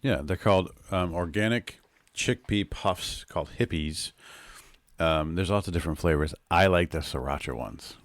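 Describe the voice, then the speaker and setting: Deep-voiced playful man hosting a podcast. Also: normal speed, dry recording. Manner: playful, teasing, laughs easily. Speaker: podcast co-host. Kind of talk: casual chat.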